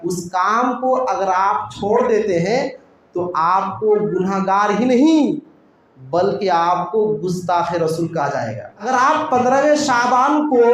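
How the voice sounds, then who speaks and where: A man giving a religious lecture in a mosque, explaining a point step by step and asking rhetorical questions that he answers himself. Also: sits high. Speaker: Islamic preacher. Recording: very echoey room, faint noise.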